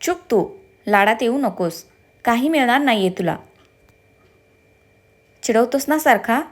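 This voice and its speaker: A woman voicing a lively young bride who scolds and teases her husband in a told story. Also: a little high, a little slow. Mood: playful. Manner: playful scolding.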